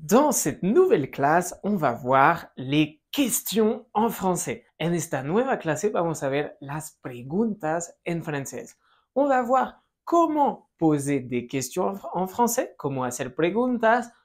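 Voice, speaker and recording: A woman teaching a language lesson at an unhurried pace. Her voice sits a little low, but it moves a lot in pitch as she drills short phrases clearly for repetition. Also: sing-song. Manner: slow, clear drilling, switching between Spanish and French. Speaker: French teacher.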